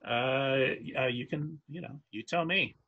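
A man narrating as dungeon master, talking in halting bursts with many restarts and easy laughter. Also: mid-range voice, dull audio. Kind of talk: narrating a tabletop game.

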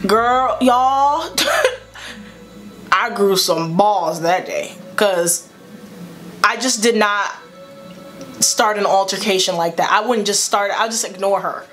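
Young woman vlogger, casual animated storyteller, mid pitch, faint music bed. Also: slow, pauses often. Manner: animated, chatty, slangy storytelling.

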